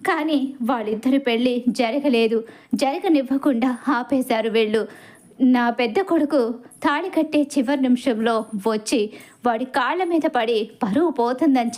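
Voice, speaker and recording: An enraged old father hurls shouted accusations, as a woman narrator puts him on. The voice sits high and keeps its storybook colour. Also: natural voice.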